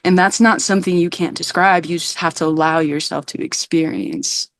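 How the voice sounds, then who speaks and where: Earnest, expressive woman filmmaker, dry sound. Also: lowish voice, moderate pace, dry recording. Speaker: filmmaker guest. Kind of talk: interview conversation.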